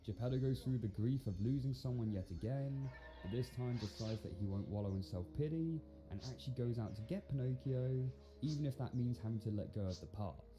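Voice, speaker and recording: A man's voice: medium pitch, a little fast, few pauses, poor audio. A man giving scripted film review commentary in a sarcastic, incredulous manner. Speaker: video commentator and film critic. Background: music.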